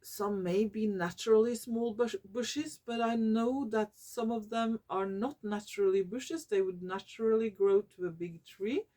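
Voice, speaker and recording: A Norwegian YouTuber with a warm, medium-pitched voice talks slowly in a casual talking-head vlog. She searches for English words, using many fillers and correcting herself.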